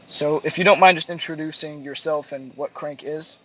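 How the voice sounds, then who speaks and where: A male host guides a livestream with short, easygoing prompts. His voice sits a little high, and faint noise runs under it. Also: fairly even intonation, normal speed, bright, forceful tone, low-quality recording. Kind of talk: livestream hosting.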